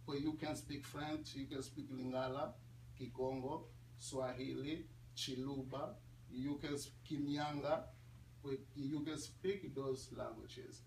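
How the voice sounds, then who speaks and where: A Congolese-accented man gives an informal, conversational guest talk in English, a language he learned later, repeating phrases for emphasis. His voice is medium-pitched and darkish, slow, with fairly even intonation. The recording is roomy and distant, with clear background noise.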